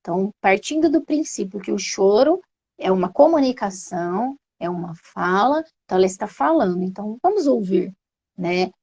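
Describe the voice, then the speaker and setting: A woman's voice: medium pitch, animated, normal speed, darkish tone, husky, lo-fi sound. A woman giving patient, reassuring parenting advice in an informal live stream, often asking her listeners rhetorical questions. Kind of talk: informal explanatory talk on an Instagram live. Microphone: phone on a social media live stream.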